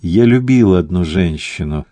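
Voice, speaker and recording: A man voicing a melancholy Sicilian man recalling a lost love in a slow, reflective way. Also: sits low, lively intonation, dark tone, no echo. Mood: wistful.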